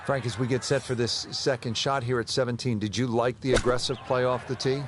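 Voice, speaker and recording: A man playing a polished golf commentator, calling play-by-play in a measured broadcast style for a video game. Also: medium pitch, fairly even intonation, noisy background, close to an everyday voice. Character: male TV golf play-by-play announcer. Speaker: golf commentator, lead announcer.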